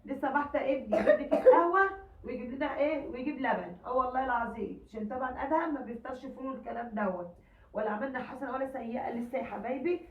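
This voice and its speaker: Egyptian woman vlogger, hoarse, rushed and high, pleading with viewers, far from the phone mic, echoey and tinny. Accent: Egyptian Arabic. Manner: emotional, pleading, rambling. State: hoarse from a cold. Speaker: cooking vlogger. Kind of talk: casual chat to viewers. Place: home.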